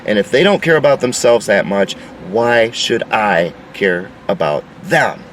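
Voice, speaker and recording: A man's voice: on the low side, big pitch swings, a little slow, a bit bright, recorded from a distance, slight background noise, rough recording. A man delivering an insistent, lecturing opinion monologue. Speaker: commentator.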